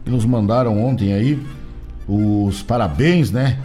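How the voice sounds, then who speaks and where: A man hosts a live radio show in a gaúcho Brazilian accent. His voice is mellow and folksy, with a ringmaster's showy, stretched-out greetings over soft background music. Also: lowish voice, measured pace. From southern Brazil, from São Borja. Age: late 30s or older. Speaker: radio host. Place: radio studio.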